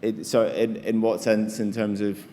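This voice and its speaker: A man's voice: fairly low pitch, fairly even intonation, unhurried, warm tone. A man answering questions at a conference, hesitant with many restarts. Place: conference hall. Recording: long reverb of a hall, faint noise.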